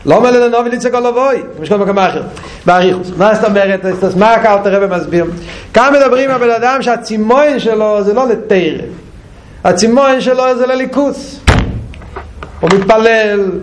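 High-voiced guy teaching torah, lots of questions and repeats, goes from loud and urgent to low and quiet. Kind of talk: Torah class.

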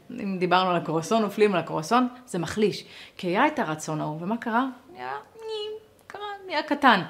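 Animated woman teaching a lesson. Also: mid-range voice. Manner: animated, acts out quoted dialogue; conversational, speaks straight to listeners.

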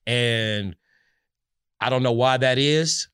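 A mid-pitched man chats as a podcast guest. He is a DJ and radio host, and he talks loose and slangy. When he plugs his shows he rolls into a punchy, rhyming hype delivery. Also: takes it slowly, a bit bright, clear, resonant tone. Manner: streetwise, hype slang, rhythmic self-promotion. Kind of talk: casual podcast interview.

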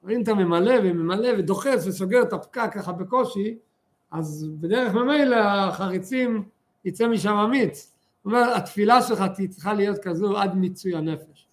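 A man teaching a religious lesson with stories, speaking fervently and stretching words for emphasis. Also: high voice. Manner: animated, fervent, drawn-out emphasis. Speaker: Torah teacher.

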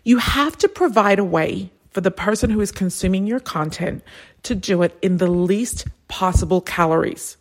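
A woman's voice: medium pitch, moderate pace. A woman in her thirties coaching travel advisors in a chatty, anecdotal podcast talk. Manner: chatty, anecdotal, animated impressions. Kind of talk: solo business podcast talk.

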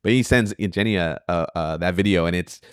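Comedian guest, male, low voice, lively anecdotes, salty language, dry booth sound. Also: a little fast, smooth, no echo. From Sacramento area. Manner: animated storyteller, acts out quotes, swears freely. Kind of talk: casual podcast storytelling.

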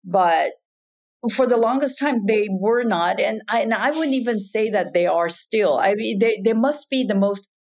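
A woman's voice: mid-range voice, lively intonation, normal speed, a little mellow. A woman from Japan speaking as a podcast guest, talking in a reflective way with frequent "you know" and "in terms of". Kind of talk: casual conversation.

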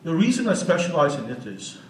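A sixty-year-old man speaks earnestly to a church crowd, working without a script and turning to the audience with questions. His slightly higher voice rings through a roomy hall, heard from some distance away with a faint hiss underneath. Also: sing-song, a little fast. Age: 60s. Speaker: guest speaker. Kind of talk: church teaching talk.

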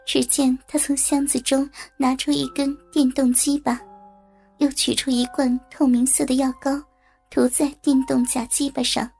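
A woman reading a story aloud as narrator, in a steady, even storytelling manner. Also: high voice, normal speed, gravelly, faint music behind.

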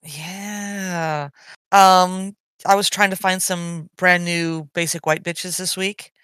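A middle-aged woman co-hosting a podcast in casual chat, talking in an animated way with many sighs. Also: lowish voice, slow, clean tone, no echo. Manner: animated, sighing, chatty. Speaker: podcast co-host.

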